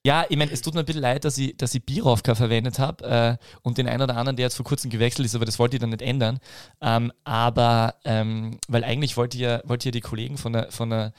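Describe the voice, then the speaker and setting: A man reading a pun-filled story on a podcast, stumbling and restarting now and then. His voice sits at an ordinary middle pitch and sounds dry and close, with no room echo. Between passages he slips into loose, filler-heavy chat. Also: fairly even intonation, smooth. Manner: reads with restarts and chuckles, then talks in halting fillers. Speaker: podcast host.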